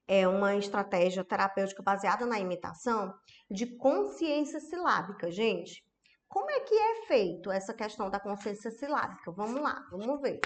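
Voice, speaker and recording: A woman, an educational psychologist giving an online masterclass, chatty and often checking in with her audience. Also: medium pitch. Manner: chatty, tag questions to the audience.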